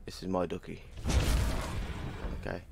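A man's voice: low-pitched, completely flat delivery, a little slow, creaky, noisy background. A man streaming a horror game, reacting jumpily and swearing constantly as he plays. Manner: swears a lot, jumpy reactive outbursts. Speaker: gaming streamer. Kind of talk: horror game let's play commentary.

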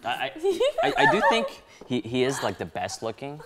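A man panelist in casual commentary chat, joking and often trailing off softly. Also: medium pitch, wildly swooping pitch, moderate pace, very noisy.

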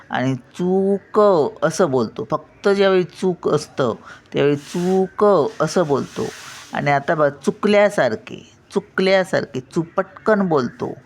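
Slow, gravelly-voiced older woman teacher. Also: low-pitched. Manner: slowly drawing out syllables to show pronunciation. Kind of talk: spelling and pronunciation lesson.

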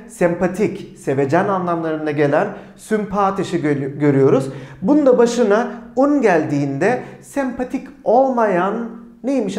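Man teaching German slowly in an echoey room. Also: high-pitched, darkish tone. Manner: drills each word twice, asks and answers his own questions. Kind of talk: slow, repetitive language lesson.

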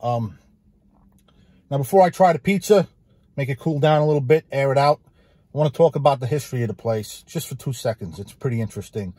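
A man's voice: medium pitch, brisk, mellow, husky, dry recording. A man hosting a casual food review vlog, talking about pizza with enthusiasm and repeating his phrases for emphasis.

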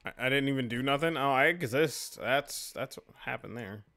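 A man hosting a let's play, reacting loudly, laughing and swearing as he comments on the game. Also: medium pitch, moderate pace.

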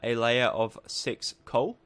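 Over gameplay footage, an energetic man with a mid-range, croaky voice walks through how to build something, easing his pace when he lays out each step.

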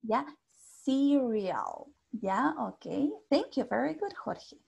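A woman's voice: high voice, big pitch swings, slow, vocal fry, muffled recording. A woman with a Chilean Spanish accent teaching an English class over a video call. She is patient, checks in with the students constantly and mixes English into her Spanish.

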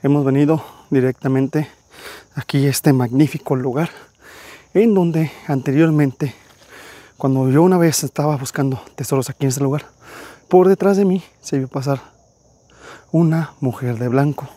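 A young man narrating his treasure hunt outdoors, eagerly talking to his viewers as friends, with a husky voice. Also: medium pitch, moderate pace, pauses often, mellow, no echo. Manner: enthusiastic, addresses viewers as friends. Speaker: treasure-hunting vlogger. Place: wooded hillside outdoors. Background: crickets and insects.

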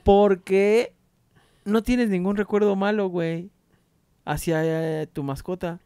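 A young man with a Mexican accent banters on a comedy podcast in a high voice, teasing his co-host. His talk is casual and playful. The mic is close and dry. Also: steady tone, slow, warm tone, clean tone, dry recording.

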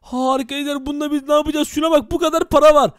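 A man's voice: very high voice, flat delivery, very fast, no room sound, clean studio sound. A man hosting a game role-play video, talking dramatically to viewers and exclaiming as a village head.

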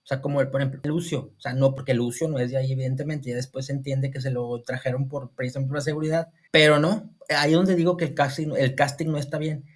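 A man's voice: medium pitch, steady tone, fast talker, hardly any pauses. A man from Monterrey with a northern Mexican accent, talking through a series review in a casual, rambling way, full of restarts and "o sea".

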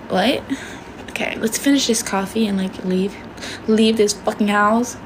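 Young Swedish woman, phone held close, loose and chatty, a bit of vocal fry. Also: on the high side, slight background noise, poor audio. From Sweden. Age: young adult. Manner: chatty, swears casually, switches between languages. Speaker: livestream host. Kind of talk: casual chat reading viewer comments. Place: small bedroom indoors.

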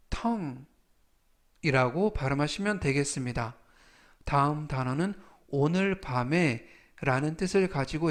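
Man teaching vocab, slightly high voice, very slow and patient, repeats every word. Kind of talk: slow explanatory lesson.

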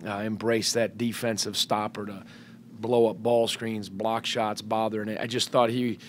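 A middle-aged head basketball coach fields questions at a post-game press conference, talking into a table microphone in a press room with a sponsor backdrop behind him. His voice sits on the low side with little pitch movement, and he speaks unhurriedly and thoughtfully, with many fillers and restarts. There's a little hiss or hum on the recording.

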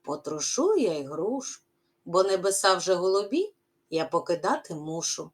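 A woman voicing Uncle Thunder, a kindly storm spirit in a children's poem, speaking with calm resolve. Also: fairly low pitch, moderate pace, breathy edge. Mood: resolved.

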